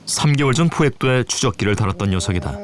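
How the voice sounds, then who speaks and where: A man reading scripted nature documentary narration in a measured, formal manner. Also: mid-range voice, animated, noisy background. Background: prominent background music.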